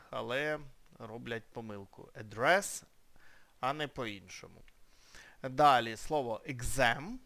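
Man, English teacher, casual lesson, smooth clear voice, mid pitch, hesitant pauses. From Ukraine. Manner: relaxed explaining with frequent hesitations.

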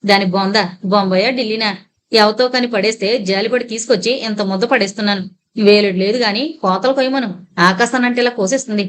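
A woman's voice: medium pitch, steady tone, a little fast, lightly acted. A woman voicing a harsh, bullying woman who keeps a liquor shop and scolds a small girl. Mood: angry. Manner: scolding, shouting.

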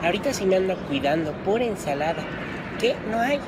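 A woman's voice: medium pitch, lively intonation, fairly quick, music in the background. A woman with a Mexican Spanish accent acting out exaggerated comedy sketches, switching between mother and child roles.

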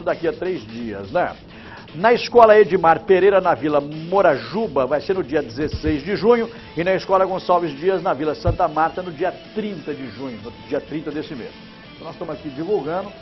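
An older man gives animated, chatty commentary from a TV studio, leaning hard on his points. His voice sits a bit high for a man. Faint music plays under the slightly dull broadcast sound. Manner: emphatic, chatty, gestures while talking. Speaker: TV news presenter. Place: TV news studio. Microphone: lapel mic.

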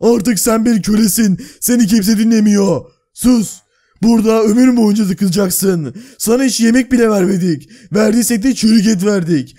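A man voicing a cruel, gloating male jailer who serves a king, talking slowly and bossily in a game role-play. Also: high-pitched, warm tone, pitched below the performer's own voice, lightly acted. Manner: slow, menacing and bossy.

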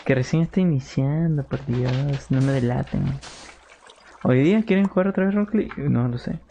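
A man's voice: medium pitch, normal speed, muffled recording, a little hiss or hum. A man streaming live gameplay, chatting with viewers and yelping in panic. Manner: excitable, yelps and shrieks in panic. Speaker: gaming streamer.

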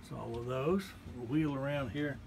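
Captured on a handheld phone, this is a casual walking tour of a small art gallery led by the artist himself. He speaks at medium pitch and a moderate pace, with vocal fry and slight background noise. His manner is relaxed and folksy as he points out the paintings one at a time.

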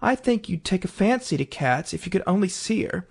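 A woman voicing a polite, eager little girl in a storybook, earnest and quick to apologise. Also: medium pitch, expressive, gravelly, a little mellow, husky, voice pushed up. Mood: soothing, dreamy.

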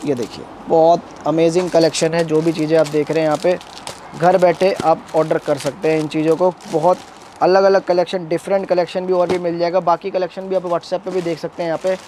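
A man's voice: a little high, flat delivery, a little fast, mellow, a little hiss or hum. A man hosting a walkthrough of a wholesale market, upbeat and repeating prices for viewers. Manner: upbeat, repeats prices and urges ordering from home. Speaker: video host touring a wholesale market.

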